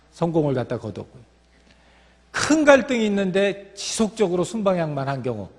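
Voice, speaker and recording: A man's voice: fairly high pitch, a little mellow. A man giving a lecture, explaining step by step with fillers and restarts. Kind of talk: lecture talk. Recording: long reverb of a hall.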